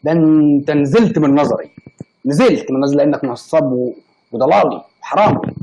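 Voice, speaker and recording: A man's voice: on the high side, fairly quick, background noise. A young man with an Egyptian accent, hosting a casual live stream and teasing his chat with mock-angry banter. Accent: Egyptian Arabic. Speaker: livestream host.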